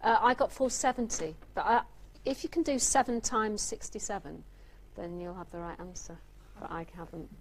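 Brisk female quiz co-presenter. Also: medium pitch, slight background noise. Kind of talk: game show numbers presenting.

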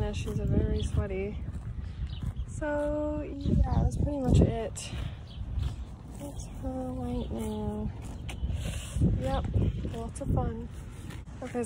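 Chatty teen girl vlogger, slightly high voice, rambling with ums, phone held at arm's length, loud barn noise behind. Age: teens. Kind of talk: casual vlog chat. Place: horse barn and outdoor pasture.

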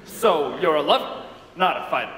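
A young man playing a scheming, excitable sidekick in a stage comedy, emphatic and coaxing. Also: a little high, moderate pace. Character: scheming, excitable male sidekick egging on a vain lover. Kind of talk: broad stage comedy acting. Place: large theatre stage, filmed from the audience. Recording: echoey theatre, noisy, from the audience.

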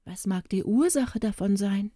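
A woman's voice: mid-range voice, normal speed, mellow, no echo, clean studio sound, natural voice. A woman voicing a kind, bold young woman in a fairy-tale forest house, urgent and bossy.

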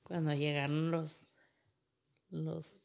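A woman's voice: sits low, level tone, slow pace, creaky, darkish tone. A woman, a podcast guest telling a painful personal story and retelling what everyone said. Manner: retells events with much reported dialogue.

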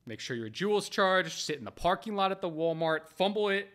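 A man telling a casual, profane story about his own habits, swinging between loud animated bursts and low muttered asides. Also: moderate pace. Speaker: poker player vlogger.

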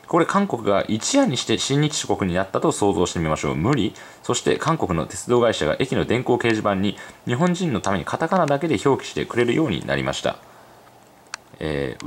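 A man's voice: lowish voice, a little hiss or hum. A man reading an online article aloud to his channel and breaking off to comment, musing with many fillers when he goes off script. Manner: reads at a brisk clip, then muses aloud with many fillers. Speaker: YouTube commentator.

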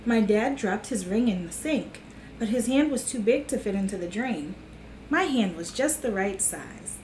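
A middle-aged woman hosts a children's storytime from a sofa in a small living room, reading a picture book aloud to young listeners and their parents. Her medium-pitched voice is expressive and darkish, at a moderate pace. The room is echoey, with a faint hiss.

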